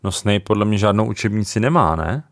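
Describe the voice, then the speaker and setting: A man's voice: on the low side, expressive, no room sound, clean studio sound. A young man co-hosting a casual book chat, thinking aloud with small hesitations. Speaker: podcast co-host.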